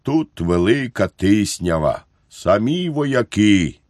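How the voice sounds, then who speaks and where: A calm, deferential army chauffeur, as a man reads him who explains everything in a matter-of-fact tone. His voice is low and unhurried, and the recording is dry. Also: no room sound.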